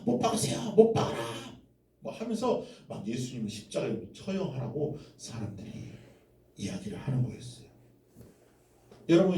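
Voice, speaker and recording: Brief: male pastor, children's sermon, animated storyteller, recorded far from the mic in an echoey room. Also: mid-range voice. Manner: animated, addresses listeners with questions.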